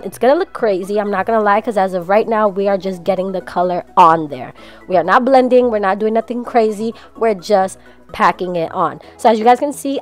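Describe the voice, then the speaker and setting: A woman who is sick and sounds congested and nasal, casually narrating a makeup tutorial voiceover with hyped, slangy, chatty asides to her viewers. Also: mid-range voice. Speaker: beauty channel host.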